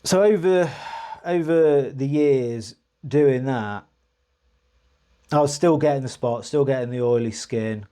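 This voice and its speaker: A man with a mellow, smooth, mid-range voice takes it slowly, telling a vlogger's personal story to camera in a rambling, hesitant way with many restarts, turning earnestly frustrated as he recounts his grievances.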